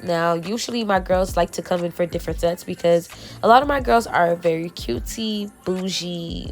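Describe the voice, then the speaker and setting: A woman's voice: fairly low pitch, gravelly. A woman nail tech with a stuffy nose from a cold, talking through her work in a chatty, emphatic, slangy way. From South Florida. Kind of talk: casual voice-over tutorial. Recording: voice-over with faint background music.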